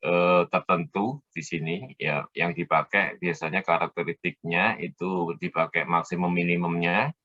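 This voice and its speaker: Low-voiced male lecturer, bright tone. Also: muffled recording. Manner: explanatory, often checks students' understanding; hesitant fillers while thinking aloud. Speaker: university lecturer. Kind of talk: technical lecture.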